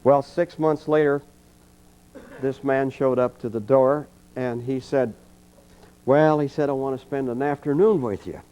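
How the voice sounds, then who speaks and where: An older man with a dark, mellow voice tells folksy stories and calmly coaches a room of students through slow breathing. The tape sounds dull and lo-fi, like an old archival clinic recording. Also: medium pitch, smooth. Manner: folksy, anecdotal, calm coaching. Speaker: trumpet teacher giving a clinic. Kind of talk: storytelling and leading a breathing exercise. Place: college clinic room with an audience.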